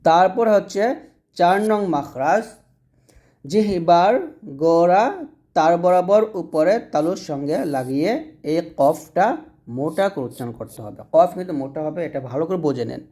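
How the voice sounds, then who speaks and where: Mellow-voiced man teaching letter sounds. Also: fairly high pitch. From Bangladesh. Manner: patient, repetitive explanation with drawn-out letter demonstrations. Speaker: Quran reading teacher. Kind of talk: lesson.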